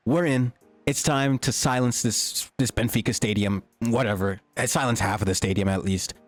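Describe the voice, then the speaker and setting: A young man giving excited, slangy commentary over his own gameplay, his voice starting to go. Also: medium pitch, normal speed, dry recording. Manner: hyped, slangy, swings between joking and shouting. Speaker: gaming YouTuber. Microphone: desktop mic, peaking.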